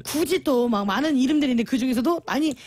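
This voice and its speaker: A woman's voice: high-pitched, animated, quick pace, a little mellow, no echo. A woman hosting a radio show, playful and teasing, laughing often as she chats with her guests. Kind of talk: lively radio chat.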